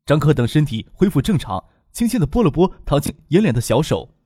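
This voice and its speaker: Expressive male audiobook narrator, dry sound. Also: fairly high pitch, fairly quick, slightly rough, no echo. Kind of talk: scripted novel narration.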